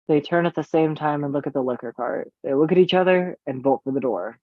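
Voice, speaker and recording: A man reads the stage directions in an even, matter-of-fact way. His voice comes over a tinny, phone-like line. The sound is dry, with no room around it. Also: a little high, a little fast, no echo. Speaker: narrator.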